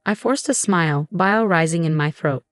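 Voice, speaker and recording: A woman reading a first-person story as scripted narration, in a steady, measured way. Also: fairly low pitch, no room sound, soft background music.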